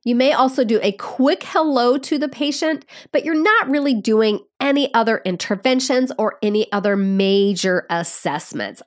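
Congested and nasal from a cold, a woman's slightly high voice explains things as a nursing podcast host. Her teaching style is friendly and conversational.

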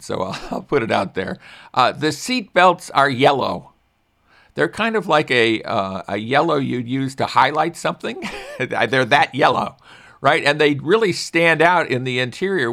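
An older man hosts a car talk show in a relaxed, chatty way. He restarts his sentences often and pokes fun at himself. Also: medium pitch. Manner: chatty, self-deprecating, many restarts. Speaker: radio show host. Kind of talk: casual car-review talk.

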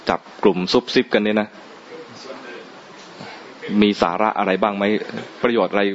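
A man's voice: on the low side, fairly even intonation, takes it slowly. A man giving a conversational Buddhist dhamma talk, often asking his listeners questions and chuckling. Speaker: Buddhist monk teaching dhamma. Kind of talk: dhamma talk to a live audience. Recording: dull lo-fi recording, faint ambience.

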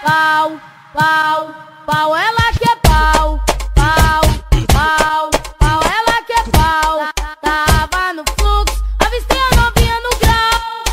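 A woman's voice: sits high, extremely slow, pauses often. A woman chanting a short phrase over and over in a song clip, with the phrase echoing and repeating. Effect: echoed phrase repeats. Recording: echoey song clip with loud music.

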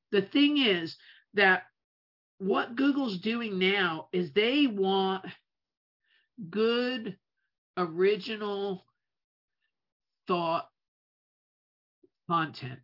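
A native Italian speaker gives a casual presentation about running a web business, stretching key words for emphasis and frequently restarting phrases. The voice is medium in pitch. The lo-fi recording sounds dull.

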